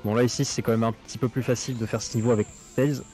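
A man chats through his play with a crunchy, bitcrushed 8-bit filter over his voice. His pitch sits in the middle, and he keeps up a loose, filler-heavy running commentary. Game music plays faintly behind him. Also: steady tone, very fast, darkish tone. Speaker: gaming streamer. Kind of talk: casual gameplay commentary.

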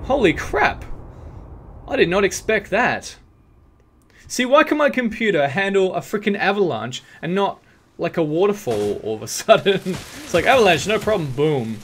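Excitable man doing game commentary. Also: high-pitched, moderate pace, a little hiss or hum. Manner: excitable, jokey, often laughing and shouting at the game. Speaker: gaming video host. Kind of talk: let's play commentary. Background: game music and gunfire.

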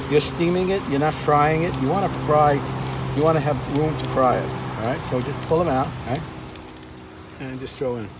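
Outdoors in a backyard by a fence, an older cooking show host talks on a lapel mic through a casual demonstration, chatty and meandering with frequent fillers and restarts. His voice sits on the high side, and background noise is present.

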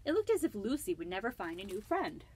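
A woman librarian reading a picture book aloud to children, gently asking them questions and laughing often. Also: mid-range voice, sing-song, quick pace, a little hiss or hum. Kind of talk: storytime read-aloud for children.

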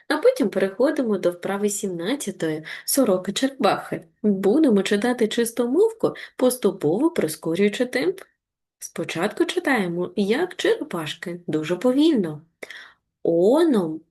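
A woman teacher giving an online reading lesson to young children, encouraging and deliberate, slowing down to spell out words. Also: mid-range voice, a little mellow, breathy edge. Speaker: primary school teacher.

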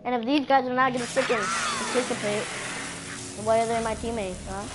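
High-voiced woman ranting over a game. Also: brisk, heavy background noise. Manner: frustrated, swearing, bursts of yelling at teammates. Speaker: gamer. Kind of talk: live gameplay commentary. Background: loud game music.

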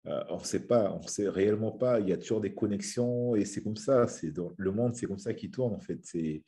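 A man chats casually as a podcast host, talking in a relaxed and reflective way. His voice is very deep, with a dark and mellow tone. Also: moderate pace. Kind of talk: casual chat.

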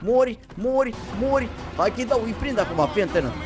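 Young man, high voice, excitable gameplay commentary, talks to viewers, music playing behind. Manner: excitable, jumps between hushed murmurs and sudden yelps. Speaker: gaming YouTuber. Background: game music.

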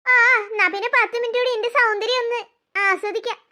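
A woman's voice: very high voice, steady tone, quick pace, sharp tone. Woman voicing a vain cartoon elder sister. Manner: dreamy, self-admiring, then whiny. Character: vain young woman admiring her own beauty. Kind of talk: cartoon story voice acting.

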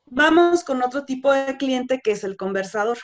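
A sales trainer leads a course on customer service, her voice a little high with lively intonation. She explains at a normal, easy and instructive pace, relying on fillers such as "este" and "pues".

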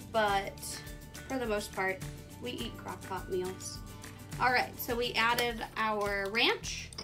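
Woman, 30s, home-kitchen cooking vlog host, higher voice, friendly and loose, phone-filmed with music underneath. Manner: friendly, chatty, relaxed with fillers. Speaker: youth club membership coordinator hosting a cooking video. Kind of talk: casual home cooking demo. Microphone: phone camera held by her son.

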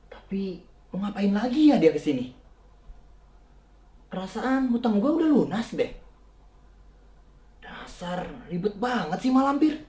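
In an echoey room, a man plays a sly, nervous young debtor in a comedy skit. His fairly high voice swoops about, hesitant. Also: mellow, slight background noise, heavily acted. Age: young adult. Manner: hesitant, stammering, muttering. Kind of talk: comedy skit acting, colloquial. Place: indoors, in a house.

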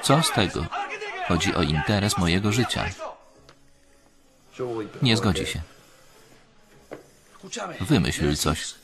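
Male voice-over reader, low voice, animated delivery, one voice for all characters, loud series music underneath. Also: slow, long pauses. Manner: reads every character's lines in one voice. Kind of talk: single-voice voice-over of a dubbed series. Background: series soundtrack music and dialogue.

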